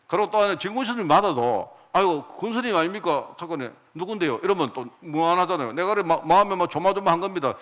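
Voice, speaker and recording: Man, middle-aged, Gyeongsang Korean accent, pastor, storytelling sermon, animated, acts out dialogue, fairly high voice, very lively pitch.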